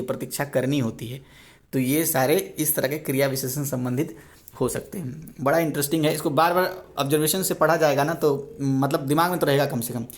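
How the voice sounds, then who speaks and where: A man teaching Hindi grammar for an exam, reading wrong sentences and explaining the correct forms, often repeating himself and correcting his own slips. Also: a little high.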